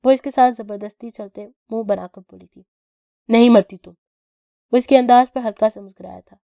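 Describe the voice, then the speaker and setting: A woman reading a novel aloud in steady, even narration. Her voice sits somewhat high and has a mellow, warm tone. The recording is dry and close. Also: vocal fry, no echo. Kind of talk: scripted story narration.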